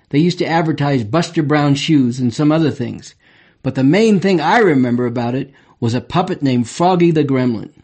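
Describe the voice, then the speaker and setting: A man's voice: fairly high pitch, a little mellow. An older man reading his memoir aloud in a wry, reflective way. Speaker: memoir narrator.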